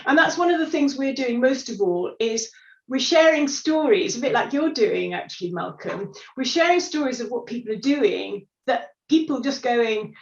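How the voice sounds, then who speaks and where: A woman's voice: fairly high pitch, lively intonation, moderate pace. A woman in her sixties, a guest speaking in a chatty, encouraging way with lots of "sort of" and "you know". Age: 60s. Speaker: guest, unretirement expert. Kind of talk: casual interview chat. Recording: roomy, distant, dull-sounding audio.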